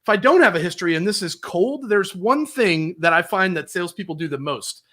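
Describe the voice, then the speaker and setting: A man's voice: high-pitched, lively intonation, a little fast, pushed and bright. A man talking as a podcast guest, explaining sales calls in a confident, emphatic way. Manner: confident, emphatic, demonstrates phone openers. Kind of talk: casual interview talk.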